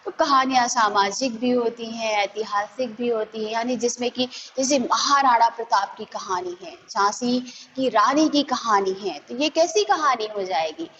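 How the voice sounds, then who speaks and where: Woman teacher, patient online lesson for kids, fairly high voice, long echoey reverb, dull lo-fi sound. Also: moderate pace, hardly any pauses, a bit bright, slight background noise. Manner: patient, coaxing, mixes English words into her talk. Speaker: primary school teacher. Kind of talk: online class lesson for children. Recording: echoey, dull lo-fi room recording.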